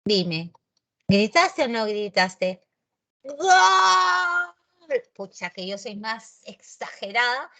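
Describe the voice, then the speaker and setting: A woman teacher with a Peruvian Spanish accent giving a grammar lesson in a chatty, expressive way, talking straight to her students. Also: mid-range voice, slow pace. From Peru.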